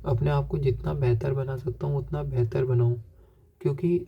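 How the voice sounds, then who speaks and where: A man's voice: medium pitch, fairly even intonation, moderate pace, vocal fry, lo-fi sound, slight background noise. A young man talking through his feelings in a rambling, self-searching personal monologue, often checking himself with a filler. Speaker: vlogger.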